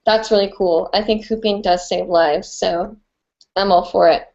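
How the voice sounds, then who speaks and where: Speaking at a measured pace with a steady, medium-pitched voice that is stuffy, nasal, slightly mellow and touched by vocal fry, a young woman answers viewers' hooping questions on a live stream. She chats casually and rambles with plenty of fillers, and the audio is dull.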